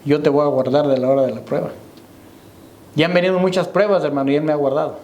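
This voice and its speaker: High-voiced preaching pastor, echoey church. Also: male voice, steady tone, quick pace, darkish tone, slight background noise. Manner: preaching to the congregation, repeating "hermano" and "¿me entiende?". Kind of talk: sermon.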